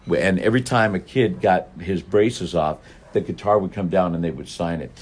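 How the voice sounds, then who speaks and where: A man, a guest on a podcast, telling a story with lively acted-out quotes in a slightly husky, fairly low voice. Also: normal speed. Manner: acts out quoted voices with big pitch jumps. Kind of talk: animated storytelling.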